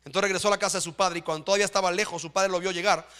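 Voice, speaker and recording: A man's voice: sits high, steady tone, very fast, pushed and bright, clear, resonant tone. A man preaching a sermon in church, often checking in with his listeners. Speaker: pastor.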